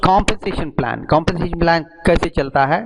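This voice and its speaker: A man's voice: fairly high pitch, fairly quick, background noise. A man giving a sales presentation, explaining step by step and slipping English phrases into his Hindi.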